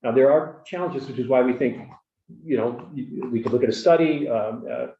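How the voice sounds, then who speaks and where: A man giving informal explanatory testimony in a halting, thoughtful way, picked up from a distance in an echoey room. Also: mid-range voice, mellow, highs cut off. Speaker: witness presenting to a committee. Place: indoor committee room.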